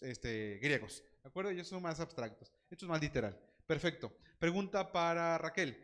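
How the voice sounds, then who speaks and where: A man's voice: fairly high pitch, fairly bright tone. A man teaching a Bible class, quizzing students by name and joking with them.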